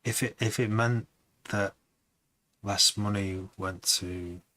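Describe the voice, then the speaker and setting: Deep, bright-voiced rambling man. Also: steady tone, slow, dry recording, rough recording. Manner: rambling, hesitant, many restarts. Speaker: music producer streaming a session. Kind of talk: casual live-stream chat.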